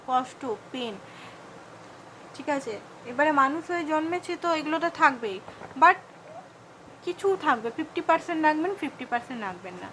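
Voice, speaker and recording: A woman with a Bengali accent giving a fast, repetitive tarot reading and advice, mixing in English words. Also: high voice, a bit bright, a little hiss or hum, rough recording. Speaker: tarot card reader.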